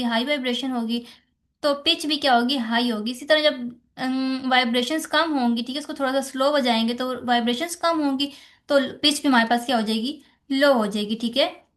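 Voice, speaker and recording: Pakistani woman lecturer, high voice, explains patiently, asks questions and answers them herself. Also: fairly bright tone. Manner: explanatory, repeats rhetorical questions and "theek hai". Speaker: teacher. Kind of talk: exam-focused lecture on phonetics.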